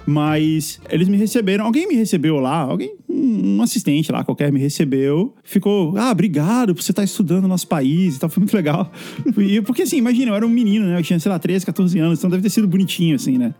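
A Brazilian man in his thirties, a guest musician telling stories in a lively, filler-heavy casual chat. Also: high voice, fast talker, soft background music. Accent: Brazilian Portuguese. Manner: animated storyteller, many fillers.

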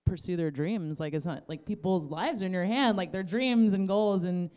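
Smooth, lower-pitched woman moderator. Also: normal speed, dark tone. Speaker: panel moderator. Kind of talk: casual panel moderation.

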